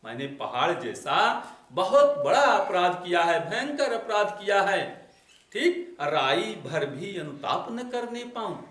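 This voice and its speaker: A man with a high voice teaches a poetry lesson, reading out each verse and then paraphrasing it, often saying the same point twice. He stands some way off from the microphone in an echoey room. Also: big pitch swings, unhurried, fairly bright tone, distant mic. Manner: recites lines, then paraphrases them with repetition. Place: classroom or school room. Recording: echoey room, voice away from the mic.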